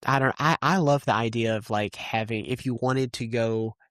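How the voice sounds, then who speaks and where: Co-hosting a podcast, a man chats casually about movies, rambling, blunt, and swearing freely. His mid-range voice is fairly bright at a moderate pace, recorded cleanly in a studio with no room sound.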